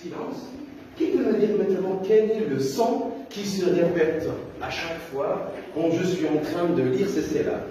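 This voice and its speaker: A man's voice: high voice, warm tone. Man teaching a class in an echoey room. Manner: prompting and praising, repeats words slowly. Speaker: primary school teacher. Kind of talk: classroom teaching, drilling children. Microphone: camera far off. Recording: echoey classroom, distant mic, noise.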